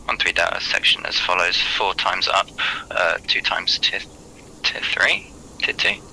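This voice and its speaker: Gravelly man speaking over a game radio. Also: low-pitched, unhurried, pushed and bright, slight background noise, low-quality recording. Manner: clipped, formal radio callsigns and "over". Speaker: section commander. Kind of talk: radio voice procedure in an online military game.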